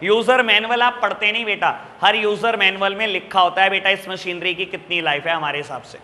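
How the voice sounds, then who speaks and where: Bright-voiced man teaching in a reverberant classroom. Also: sits high, fairly even intonation, fairly quick, a little hiss or hum. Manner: affectionate, repeatedly calls students "beta"; asks "clear?" to check understanding. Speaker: accounts teacher. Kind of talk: classroom lecture. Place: classroom with students present.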